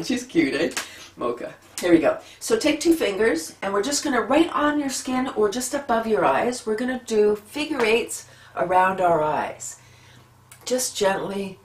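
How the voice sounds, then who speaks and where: A middle-aged woman leading a gentle relaxation lesson at home, talking softly and sighing out long breaths between exercises. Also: on the low side, recorded from a distance. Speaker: laughter yoga leader. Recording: echoey room, a bit off-mic, faint background hum.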